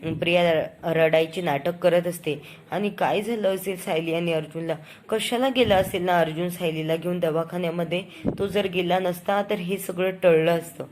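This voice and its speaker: A woman's voice: on the low side, fairly even intonation, moderate pace, darkish tone, slight background noise. A woman retelling a TV serial episode as a recap presenter, quoting the characters' lines and often restarting words mid-way. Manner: self-correcting mid-word restarts.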